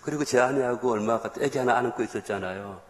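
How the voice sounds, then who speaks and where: A man's voice: mid-range voice, fast talker. A man, a missionary preacher, telling a story in a sermon and acting out the voices of the people he quotes. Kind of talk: sermon testimony. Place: church sanctuary. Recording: echoey church hall reverb.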